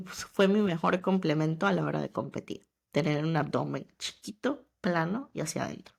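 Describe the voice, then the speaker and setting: A woman's voice: fairly low pitch, vocal fry. A woman fitness coach talking casually and emphatically about competing, often repeating words for effect. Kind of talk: casual motivational monologue.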